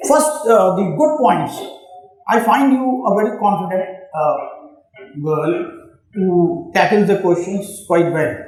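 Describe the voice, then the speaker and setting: High-pitched Indian man interviewing, echoey room. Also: slow pace, darkish tone. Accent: Indian English. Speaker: interviewer and coach. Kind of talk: formal interview questions and feedback.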